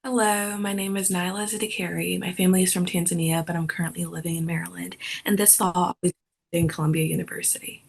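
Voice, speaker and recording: A young woman answering as a student panelist on a video call, measured and dotted with frequent ums. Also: lowish voice, level tone, vocal fry, a little hiss or hum. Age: young adult. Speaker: incoming college student panelist.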